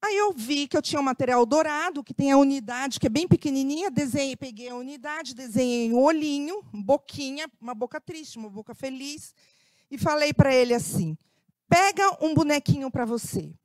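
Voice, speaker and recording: A woman's voice: sits high, a little fast, darkish tone, dry recording, studio quality. A middle-aged Brazilian woman with a Brazilian Portuguese accent gives a lecture as an educator and tells personal anecdotes, often adding tag questions and acting out dialogue. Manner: conversational, frequent tag questions, acts out quoted dialogue. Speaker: guest speaker, educator.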